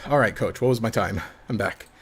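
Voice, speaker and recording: A man's voice: lowish voice, brisk, slight background noise. A man casually commenting on his own gameplay during a live stream, rambling, laughing often and trailing off mid-sentence.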